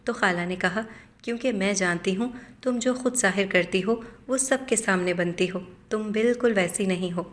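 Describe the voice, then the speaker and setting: A woman narrating a scripted first-person story in a steady, measured reading voice. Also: medium pitch.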